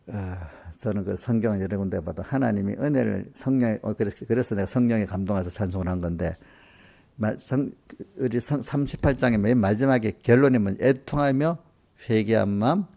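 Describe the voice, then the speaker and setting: A man's voice: lowish voice, vocal fry, mellow. A middle-aged male pastor, preaching in a chatty, folksy way and checking his listeners' agreement. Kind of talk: conversational sermon. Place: church service.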